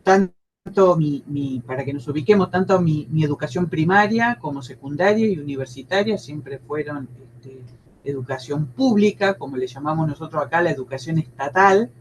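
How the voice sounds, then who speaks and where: A woman in her sixties from Argentina with a Buenos Aires province accent, a history teacher speaking as an interview guest and recalling her schooling, often pausing with fillers and restarting. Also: sits low, muffled recording, slight background noise. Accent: Argentine Spanish, Buenos Aires province. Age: 60s. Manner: hesitant, many fillers and restarts. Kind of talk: conversational interview.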